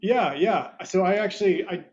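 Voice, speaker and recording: A man in his thirties speaks with a high-pitched, slightly mellow voice at normal speed, and the highs in the audio are cut off. He's a startup founder appearing as a podcast guest, an American raised in Budapest, Hungary, and he rambles through a casual interview chat full of restarts and short laughs.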